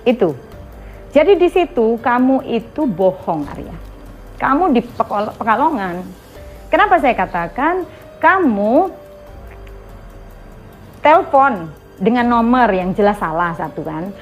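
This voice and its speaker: A woman's voice: a little high, big pitch swings, unhurried, pauses often, muffled recording, soft background music. A woman hosting an online commentary, accusing someone and addressing her viewers directly. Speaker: commentary channel host.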